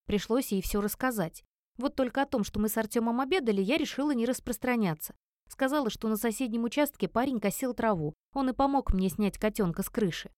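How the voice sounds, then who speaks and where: A woman reading a first-person romance novel aloud as an audiobook narrator, with expressive, emotive storytelling. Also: a little high, a little fast, no echo, studio quality.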